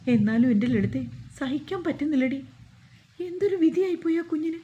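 A woman's voice: high voice, lively intonation, brisk, dark tone, lo-fi sound, slight background noise, voice pushed up. A woman voicing an older grandmother who weeps and prays in fear for her family. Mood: tearful, pleading. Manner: wailing, praying, pleading.

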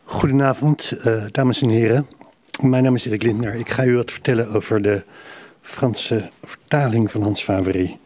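A man opening his talk with a formal, unhurried greeting to the audience. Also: mid-range voice, steady tone, darkish tone. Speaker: speaker introducing a talk on a translation.

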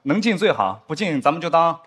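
A man performing a stand-up comedy set, telling stories and acting out drama scenes in a lowered voice. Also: fairly quick, husky. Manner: lively storyteller, acts out drama scenes in lowered voice. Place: theater stage before a live audience. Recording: live stage with crowd laughter and noise.

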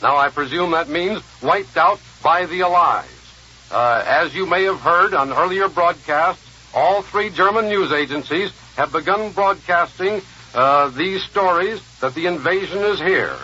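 A man's voice: fairly high pitch, unhurried, pushed and bright, husky. A man reading urgent war bulletins as a radio news announcer in a newsroom studio, with an old 1940s radio broadcast sound and a formal delivery. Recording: dull lo-fi 1940s radio archive.

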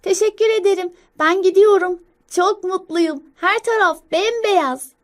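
A woman voicing an eager, cheerful little squirrel child in a storybook reading, with squealing excitement. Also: very high voice, normal speed, voice pushed up. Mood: happy. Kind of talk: storybook character voice.

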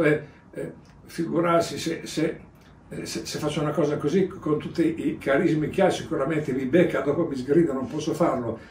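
A man's voice: fairly high pitch, darkish tone. Male priest, homily, repetitive and conversational, reverberant church, distant mic with faint room hiss. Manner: rambling, repeats phrases, tags lines with "eh?" and "vedete". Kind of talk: sermon.

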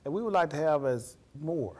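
A man's voice: on the high side, animated, fairly quick, darkish tone. A middle-aged man, a police officer guest on a TV studio interview, speaking on a lapel mic in an earnest, folksy, plain-spoken way. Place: TV studio set.

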